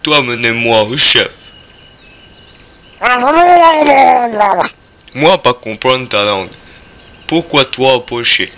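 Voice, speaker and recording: A man's voice: mid-range voice, a little slow, pushed and bright. A man voicing a proud, blunt troll hunter who talks like a caveman in broken, primitive sentences for a comic fantasy radio sketch. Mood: indignant, blunt.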